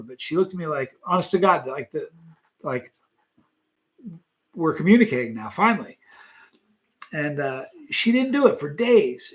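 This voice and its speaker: A man in his late fifties, the host of a live stream, chatting casually and reading viewer comments, animated and laughing often. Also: high voice. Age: 50s.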